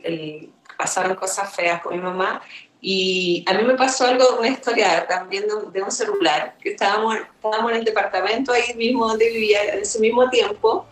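A woman guest telling a paranormal story in a live chat, animated, acting out her own reactions. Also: medium pitch, roomy sound, low-quality recording.

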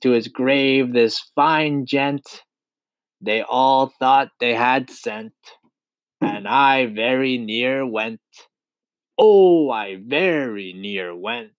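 A man's voice: mid-range voice, sing-song, very slow, no echo, pitched above the performer's own voice, full character voice, low-quality recording. A man voicing a boastful, exuberant male centipede in a storybook read-aloud, in a gleeful sing-song manner.

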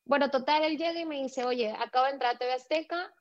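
A woman, a sports journalist, telling her story in a lively way over a remote call and acting out the people she quotes. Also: sits high, fast talker. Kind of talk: animated storytelling in a casual interview. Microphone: remote video call. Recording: dull lo-fi call audio.

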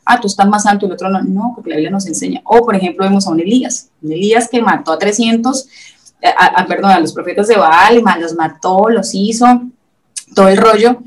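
A woman's voice: medium pitch, brisk, far from the mic, low-quality recording. A woman in her thirties recounts her own story as an interview guest, earnest and emotional, slipping into the voices of people she quotes. Her voice sits a little back from the microphone. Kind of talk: personal faith testimony.

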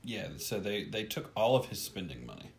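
Man, very low pitch, lively intonation, agreeable, casual podcast chat. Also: moderate pace, vocal fry, a little hiss or hum. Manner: agreeable, lively, frequent back-channel affirmations. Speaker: podcast co-host. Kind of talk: casual book discussion.

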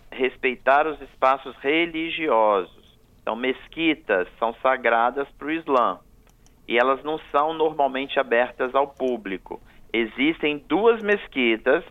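A man, a guest on a radio talk show, giving firm, repetitive explanations of travel rules. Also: medium pitch. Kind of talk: radio interview. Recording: tinny phone line on radio.

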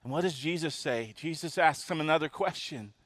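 A man's voice: on the high side, fairly quick, fairly bright tone, dry recording. A man preaching a sermon as a pastor, earnest, often restarting and repeating his words.

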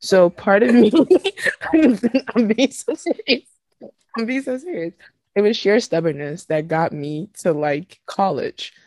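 A Nigerian woman in her twenties hosts a candid podcast, speaking frankly and emotionally, swearing casually and laughing between thoughts. Her medium-pitched voice is animated and darkish in tone, at a measured pace, with no echo.

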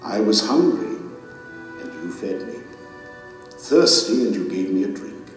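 A man playing a majestic, benevolent king in an audio drama, speaking in solemn, measured, regal pronouncements. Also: lowish voice, very animated. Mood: solemn, tender. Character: majestic benevolent king judging his subjects. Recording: cavernous echoing hall, music behind.

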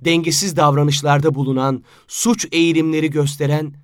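A man narrating a story in a steady, storytelling manner. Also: a little high, fairly quick, no room sound, clean studio sound. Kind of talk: audiobook narration. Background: faint music.

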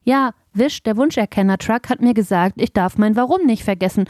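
A woman's voice: fairly high pitch, a little fast, a little mellow, no room sound, clean studio sound, natural voice. A woman voicing a small, naive male toy truck who talks in an anxious, innocent way in an audiobook. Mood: unsure. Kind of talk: audiobook character voice.

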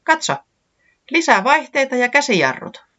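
Storyteller doing a cheerful handy creature, brisk, raised bouncy voice, lo-fi dull sound. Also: high-pitched, sing-song, pushed and bright, voice pushed up, full character voice. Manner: brisk, can-do.

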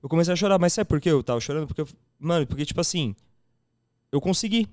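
A São man in his thirties spins an animated story, jumping into the voices of the people in it. His voice sits a touch high and comes across smooth and clear, recorded close and dry. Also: fast, no echo. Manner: animated, acts out quoted dialogue with slangy fillers. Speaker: chef and TV cooking show host, podcast guest. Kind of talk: casual storytelling chat.

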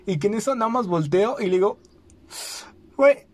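Young Mexican man, higher voice. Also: fast, husky, dry recording. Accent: Mexican Spanish. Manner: animated, acts out quoted voices, frequent fillers. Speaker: podcast host. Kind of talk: casual storytelling.

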